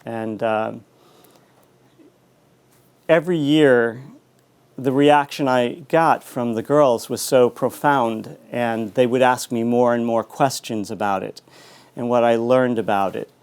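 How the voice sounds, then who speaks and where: A middle-aged man giving a conversational author talk in a reflective, halting, anecdotal way. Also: medium pitch, steady tone, a little mellow, smooth. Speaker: author and school teacher giving a book talk.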